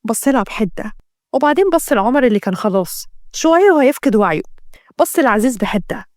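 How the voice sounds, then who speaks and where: Egyptian woman narrator, fast dramatic storyteller, dry close sound. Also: fairly high pitch, expressive, no room sound. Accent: Egyptian Arabic. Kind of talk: narrated romance story reading.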